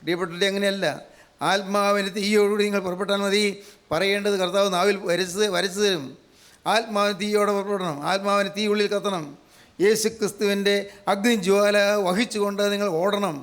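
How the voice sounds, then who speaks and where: A man's voice: high-pitched, little pitch movement, brisk, a bit bright. A male preacher giving a fervent sermon, emphatic and repetitive, often asking his listeners questions. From Kerala, India. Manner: emphatic, repeats phrases, asks the audience questions.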